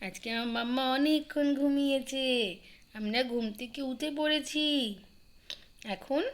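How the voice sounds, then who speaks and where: A young woman with a hoarse voice from a cold, vlogging casually at home and talking softly, at times sing-song to her baby. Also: sits high, fairly even intonation, a little slow.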